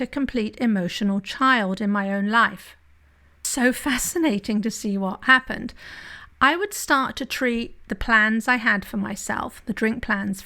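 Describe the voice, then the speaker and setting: A woman's voice: on the high side, pushed and bright. A woman hosting a solo podcast, talking candidly and confessionally, with frequent "right?" asides. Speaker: podcast host and drinking coach.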